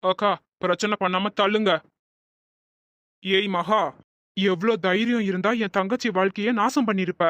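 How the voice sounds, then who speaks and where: Woman doing a cartoon young husband, firm and scolding, mid-pitched voice, dry close sound. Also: fairly even intonation, normal speed, long pauses, fairly bright tone, no room sound, lightly acted. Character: young husband, angry but protective.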